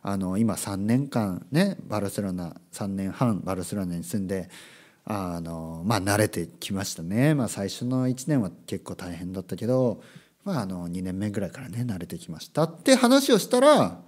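Male Japanese podcast host, low voice with a lively melody, casual and emphatic teacher's monologue. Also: normal speed. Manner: animated, emphatic, repeats key words with tag particles. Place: lives abroad, recorded solo.

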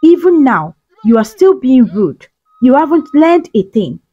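A woman's voice: sits high, sing-song, measured pace, breathy edge, no room sound, full character voice. A woman voicing a vengeful young female spirit, speaking coldly and mockingly, read as a storybook figure. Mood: cold scorn. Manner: cold, mocking. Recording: slightly dull recording with soft music.

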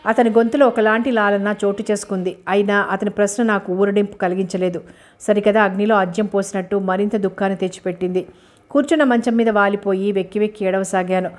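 A woman reads a novel aloud in the first person, the way an audiobook narrator does. Her voice sits at a middle pitch. She keeps her storytelling steady and even. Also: brisk.

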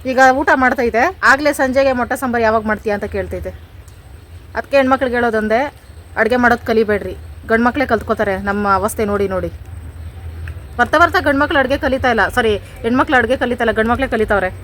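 A woman with a rural Kanakapura Kannada accent talks at a breakneck pace in a bright, high voice. Her manner is playful and scolding, like a home vlogger bantering with her partner. A faint hum of room noise sits behind her. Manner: rapid, animated, playful scolding. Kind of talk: casual home couple vlog.

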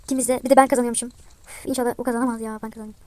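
A young woman with a high voice talks over her gameplay in a chatty, excitable way. She sounds a bit sick and often drops to a quiet mutter. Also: rapid-fire. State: slightly sick voice. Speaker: gaming vlogger. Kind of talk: casual gameplay commentary.

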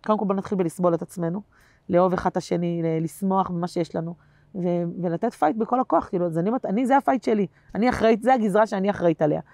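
A woman comedian chatting as a guest in an interview, telling animated stories that swing between loud bursts and quiet asides, with plenty of slangy fillers. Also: medium pitch, dry recording. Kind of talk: casual interview chat.

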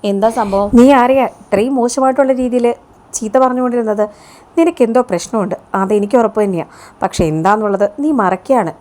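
A woman's voice: a little high, fast, a little mellow, natural voice. A woman voicing a suspicious young woman who questions someone firmly in a serial retelling. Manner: questioning, firm.

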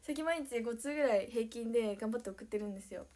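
A young woman chatting on a livestream, excitable and giggly, thanking viewers by name as she reads their comments. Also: on the high side, quick pace. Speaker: idol livestreamer. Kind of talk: casual livestream chat reading viewer comments.

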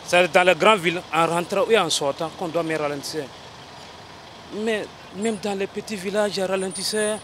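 Male driver, high voice, blunt roadside complaint, faint traffic noise. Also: moderate pace. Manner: blunt, critical.

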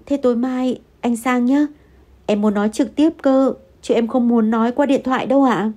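A woman's voice: on the high side, steady tone, normal speed, close to an everyday voice. Woman playing a pleading young wife. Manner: pleading, soft apologetic.

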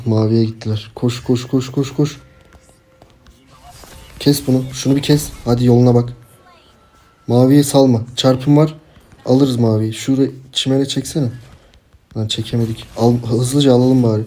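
Young man with a mellow voice, chatting over gameplay. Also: medium pitch, steady tone, moderate pace, long pauses, faint music behind. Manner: chatty, frustrated outbursts, talks to teammates. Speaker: gameplay streamer. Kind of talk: casual live gameplay commentary.

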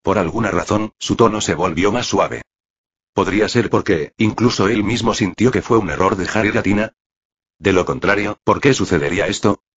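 Male narrator for a translated web novel: husky, reads ellipses out literally, lo-fi sound. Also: lowish voice, moderate pace. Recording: dull lo-fi recording.

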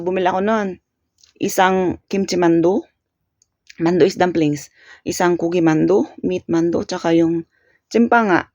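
A woman's voice: on the low side, no echo. A woman from the Philippines telling a casual story on her vlog, chatty, laughing often and trailing off with fillers. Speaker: vlogger. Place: home in Korea.

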